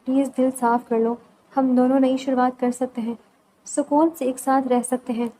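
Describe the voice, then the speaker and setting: A woman's voice: high-pitched, level tone, slight background noise, close to an everyday voice, rough recording. Woman reading as earnest pleading young husband. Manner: soft, earnest, reassuring. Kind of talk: novel read aloud.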